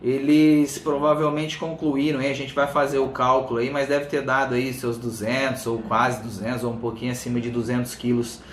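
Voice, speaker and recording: A man's voice: medium pitch, little pitch movement, moderate pace, hardly any pauses, slight background noise. Chatty Brazilian man, slightly thick-tongued, echoey room. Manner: chatty, informal, addresses viewers by name. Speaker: live stream host, fitness coach. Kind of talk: casual live chat greeting viewers. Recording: roomy, echoing room sound.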